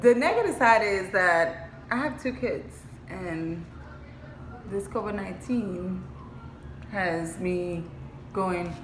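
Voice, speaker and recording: Animated woman telling stories in an echoey room. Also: mid-range voice, slow, long pauses, noisy background. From Puerto Rico. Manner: animated storyteller, acts out voices. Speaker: guest. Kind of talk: casual chat. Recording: echoey room, faint ambience.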